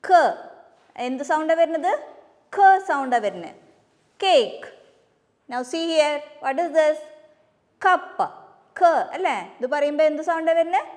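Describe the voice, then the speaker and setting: A kindergarten teacher with a Malayali English accent talks very slowly and patiently, spelling each word letter by letter and asking the children questions. Her voice sits high, and a long reverb trails behind it as if she were in a hall. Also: lively intonation, a little mellow. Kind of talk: phonics lesson for young children.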